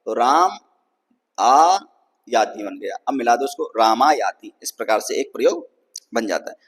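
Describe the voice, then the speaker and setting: Male Sanskrit tutor, patient explainer, slightly high voice, long hall reverb on the recording. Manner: patient, repeats "ठीक है ना" to check understanding; draws out vowels to show their length. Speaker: Sanskrit teacher. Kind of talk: explanatory lecture.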